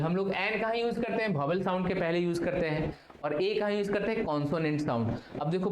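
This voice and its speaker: A man teaching English grammar in a video lesson. He asks questions and answers them himself, mixing Hindi and English. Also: high voice. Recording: roomy echo, faint background hiss.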